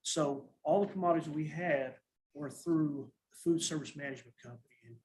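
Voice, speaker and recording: At a school board meeting, a school nutrition director presents a financial report in a steady, matter-of-fact manner, frequently restarting his sentences. His voice is fairly high and a little fast, and the audio is poor.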